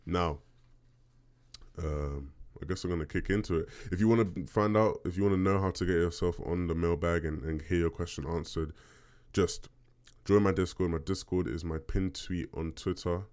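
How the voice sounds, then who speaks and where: A man with a deep bass voice hosting a podcast, casually answering listener questions and often checking in conversationally as he talks. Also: steady tone, moderate pace, a little mellow. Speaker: podcast host.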